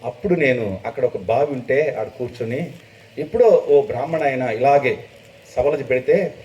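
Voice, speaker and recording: A middle-aged man preaching a testimony sermon, telling his story with emotion and rising to loud, high bursts. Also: expressive, normal speed. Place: church gathering. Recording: distant dull mic with faint noise.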